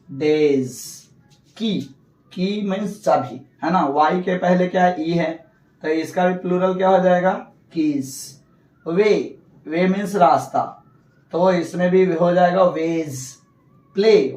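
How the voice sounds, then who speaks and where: A man's voice: sits high, a little mellow, roomy sound, recorded from a distance, dull audio. A male teacher explaining English grammar rules, asking questions and answering them himself. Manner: repeats rules, asks and answers own questions. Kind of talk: classroom lesson.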